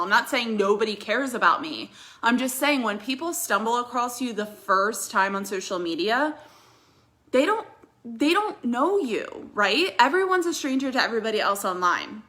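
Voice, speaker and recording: A woman's voice: a little high, sharp tone. A young woman coaching viewers on social media growth in a casual vlog, talking in a chatty, direct way and laughing at her own slips.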